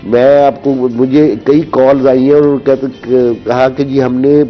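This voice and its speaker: A man with a Pakistani Urdu accent, explaining things in a measured way as a guest on a morning show, often repeating his key phrases. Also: medium pitch, little pitch movement, dull audio, faint music behind. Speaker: radio broadcaster guest.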